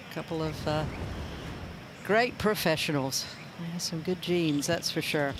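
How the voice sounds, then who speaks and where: Golf commentator, male, slightly high register, informal analyst delivery, noticeable outdoor course ambience. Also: noisy background. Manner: casual, unscripted asides.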